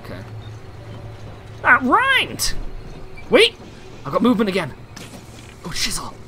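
A young man hosting co-op gameplay, hyper and jokey, squealing and shouting callouts. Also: high voice, wildly swooping pitch, brisk. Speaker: gaming channel host. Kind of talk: excited co-op gameplay commentary. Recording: game noise audible behind voice.

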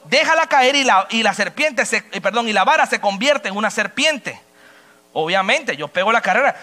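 A pastor preaching with a very high, bright voice. He acts out voices and sound effects as he speaks, and his delivery is lively and animated. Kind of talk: sermon.

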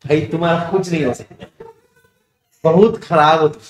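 High-voiced young male teacher, echoey room. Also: fairly even intonation, normal speed, a little hiss or hum. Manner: chatty, asks and answers his own questions. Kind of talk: casual classroom digression.

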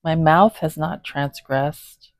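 At home, a woman with a low voice films a cat on her phone from behind the camera, chatting slowly and casually. After a few apologetic asides, she settles into a steady reading of a psalm. The recording is close and dry, with no echo from the room.

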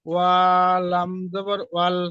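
A man's voice: high-pitched, monotone, smooth, no echo. A male student in an online class, spelling out a Quran reading letter by letter over a network call that keeps breaking up. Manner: slow, halting letter-by-letter reading. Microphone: phone or computer on a video call. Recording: muffled, distant internet call audio.

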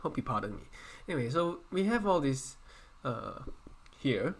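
A man teaching an engineering software lesson while hiccuping and coughing, often correcting himself and counting points aloud. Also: mid-range voice, sing-song, moderate pace, creaky, slightly rough. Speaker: engineering tutor. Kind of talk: screen-recorded software tutorial.

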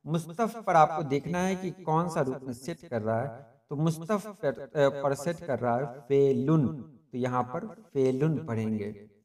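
Guy teaching poetry meter, kinda high voice, chants the feet over and over, sits back from the mic. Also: a little slow, a little mellow, recorded from a distance. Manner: patient, repeats metrical feet aloud. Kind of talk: explanatory lesson.

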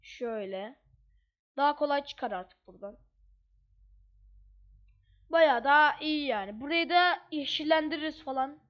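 A woman's voice: high voice, animated, unhurried, long pauses. A woman giving casual, chatty gameplay commentary as she plays, thinking aloud with slangy asides. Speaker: gamer. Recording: dull lo-fi mic.

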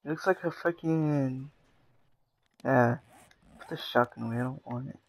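A young man playing a survival game with a friend, excitable and swearing, laughing often. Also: mid-range voice, normal speed, rough recording. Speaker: gamer. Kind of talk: casual gaming commentary.

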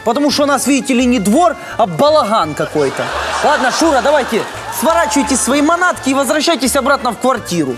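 A man's voice: very high-pitched, sing-song, fast talker, music in the background. An actor playing an exasperated young landlord in a comedy sketch, a man pleading and sarcastic as he haggles. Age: young adult. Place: outdoor courtyard.

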